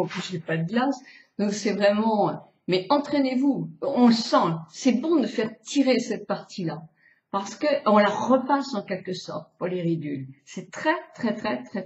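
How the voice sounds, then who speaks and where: Older woman coaching face exercises, roomy sound. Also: medium pitch. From France. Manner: chatty, demonstrative, drawn-out vowel sounds. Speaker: beautician. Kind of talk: casual face-exercise tutorial. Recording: roomy, slightly dull home video.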